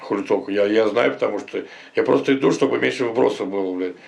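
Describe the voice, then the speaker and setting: A man's voice: on the low side, quick pace, vocal fry, a little mellow. A man chatting casually and bluntly, with slang and swearing. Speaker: village resident being interviewed. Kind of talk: casual chat.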